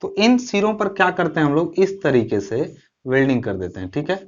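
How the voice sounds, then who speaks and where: Brisk and with big pitch swings, a slightly high-voiced civil engineering teacher delivers a recorded online lecture in lo-fi sound. He walks through the material step by step, answering questions he raises himself and often checking in with quick tag phrases.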